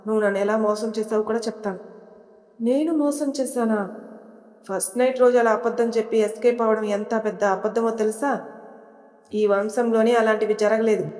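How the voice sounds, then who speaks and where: A woman's voice: fairly high pitch, darkish tone, echoey room, in a large hall, lightly acted. A woman voicing a domineering young husband who mocks and threatens his bride in an audio story. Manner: bossy, mocking, threatening.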